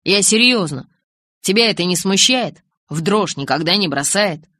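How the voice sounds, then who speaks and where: A woman's voice: medium pitch, animated, moderate pace, sharp tone, dry recording, studio quality. A woman reading the lines of a teasing, easygoing teenage boy in an audiobook, with a playful, prodding way of asking questions.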